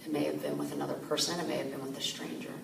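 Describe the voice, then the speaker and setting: A woman meditation teacher calmly guiding a meditation, speaking gently and slowly with soft fillers. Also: rumbling low, gravelly. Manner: gentle, slow, soothing guidance with soft fillers. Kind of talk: guided meditation. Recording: echoey room, distant mic, noisy ambience.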